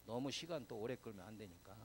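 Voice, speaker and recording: A male pastor giving a chatty, conversational sermon, quizzing and teasing his congregation, dropping to a whisper and then swelling loud for emphasis. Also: lowish voice, lively intonation, quick pace, slightly rough, low-quality recording.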